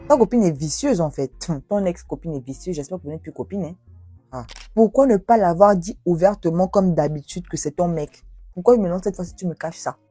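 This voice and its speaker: A young woman YouTuber telling viewers' love stories and reacting to them in an expressive, exclaiming way. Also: fairly low pitch, brisk, husky, faint music behind. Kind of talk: storytelling with commentary.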